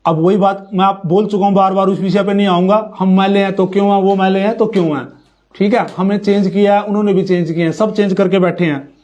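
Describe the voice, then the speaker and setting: A man with a Haryanvi accent giving an informal talk, reading long lists of clan names slowly and then speaking in brisker asides to his friends. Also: high-pitched, fairly even intonation, a little mellow. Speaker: community speaker.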